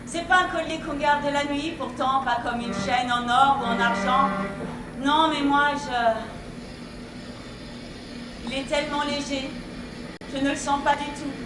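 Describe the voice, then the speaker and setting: A woman's voice: high-pitched, fairly even intonation, a little slow, pauses often, noisy background. Actress playing an anxious woman hunting a lost necklace. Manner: earnest, explaining at length, stammers when flustered. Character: anxious woman searching a ruined city for her necklace. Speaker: stage actress. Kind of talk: stage play performance. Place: theatre stage. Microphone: distant room mic. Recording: echoey hall from far off, music behind.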